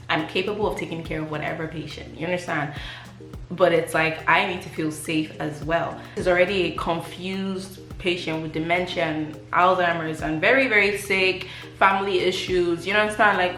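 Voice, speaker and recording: A woman from Africa, a nurse, recounts her work experiences in a chatty, expressive vlog manner, leaning on fillers. Her voice sits a little low for a woman. The sound is roomy, with faint music underneath. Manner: conversational, expressive, frequent "like" fillers. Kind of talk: casual storytelling vlog.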